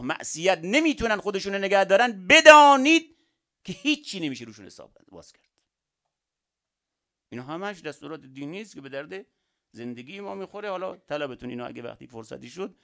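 A man preaching a sermon who asks rhetorical questions and swings between quiet and loud emphasis. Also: medium pitch, vocal fry. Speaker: religious speaker. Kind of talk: sermon to an audience.

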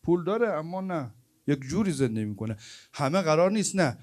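A man with a high voice preaches to an evening gathering. He tells stories with sharp emphasis, then drops to hushed asides. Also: big pitch swings. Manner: emphatic, swings between loud stresses and hushed asides. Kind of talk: storytelling sermon.

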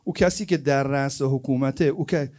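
With a mid-range voice, a man delivers a storytelling sermon at an evening gathering, alternating between loudly stressed words and hushed asides.

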